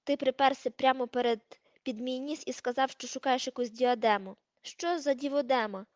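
A hoarse, slow-witted teenage boy thug, as a woman puts him on, slangy and loud in a storybook. The voice is raised in pitch and very close and dry. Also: steady tone, no room sound, close to an everyday voice. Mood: smug.

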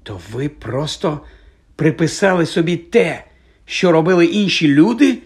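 A man's voice: medium pitch, fairly quick, close to an everyday voice. A man voicing an earnest, incredulous young schoolboy wizard.

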